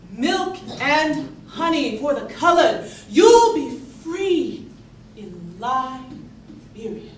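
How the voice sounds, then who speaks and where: A stage actor with a high, slightly bright voice plays an earnest young enslaved woman from the 19th-century American South, in a heavily acted, mocking theatrical monologue. Her Southern-accented storytelling is folksy, emphatic and halting, with dramatic swells. The recording is noisy and echoey, taken from afar in an indoor theatre.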